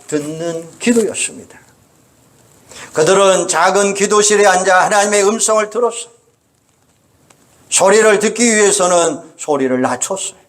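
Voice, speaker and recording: A male pastor preaching with earnest, measured delivery. His voice sits a little higher than most men's. He often stops to quote scripture. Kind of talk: sermon.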